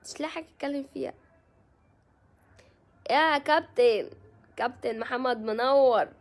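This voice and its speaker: An Egyptian woman with an Egyptian Arabic accent hosts a casual live stream, chatting with viewers and greeting them by name. Her voice sits high and she speaks at a moderate pace.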